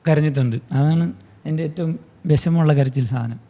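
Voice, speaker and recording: Man, Malayali accent, fast, high voice, lively storytelling. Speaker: comedy podcast panelist. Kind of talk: casual storytelling chat.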